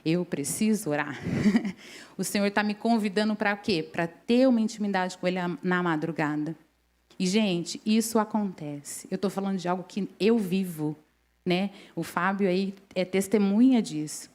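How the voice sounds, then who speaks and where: A woman's voice: mid-range voice, moderate pace, a little mellow. A middle-aged woman preaching a sermon in a church, telling personal stories in a conversational way and often checking in with the congregation. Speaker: preacher at a women's service.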